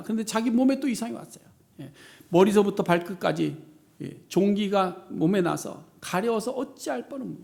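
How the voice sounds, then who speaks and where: A man preaching a sermon as pastor of a church, animated and dramatic, voicing the complaints he quotes. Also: gravelly. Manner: animated, acts out quoted laments with rising pitch and volume.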